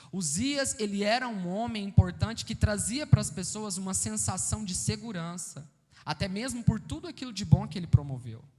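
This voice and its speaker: Brazilian preacher in a reverberant hall. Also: male voice, high voice, a little mellow. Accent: Brazilian Portuguese. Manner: explanatory, asks the congregation questions. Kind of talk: sermon.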